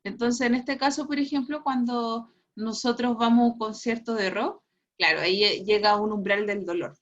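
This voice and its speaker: A woman's voice: a little high, fairly even intonation, moderate pace, fairly bright tone. A woman teaching an online physics lesson, explaining step by step and checking in with her students. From Chile. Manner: explanatory, tags phrases with "¿cierto?" and "¿ya?", laughs at own jokes. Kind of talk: online class lecture. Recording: muffled lo-fi class recording.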